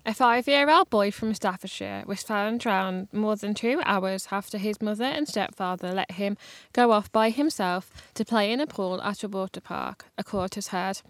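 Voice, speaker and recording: A woman reading a court news report aloud, steady, with the occasional stumble and restart. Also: mid-range voice, moderate pace, no room sound. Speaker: news reader.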